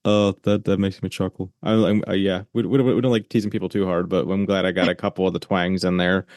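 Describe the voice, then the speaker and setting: Man, very deep voice, podcast host, halting speech with restarts, dry sound. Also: flat delivery, a little mellow, no echo. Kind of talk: casual chat.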